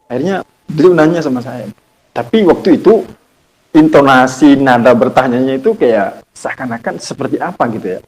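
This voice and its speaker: A young man appears as a guest on a podcast, an Islamic teacher sharing a personal story in casual conversation. His medium-pitched, darkish voice moves at normal speed with lively intonation, though the audio is poor. He is earnest and reflective, often quoting his own words.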